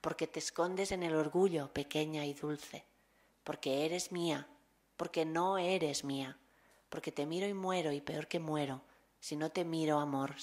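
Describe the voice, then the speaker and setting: A woman voicing a calm middle-aged male teacher facing death, speaking softly and tenderly. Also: deep voice.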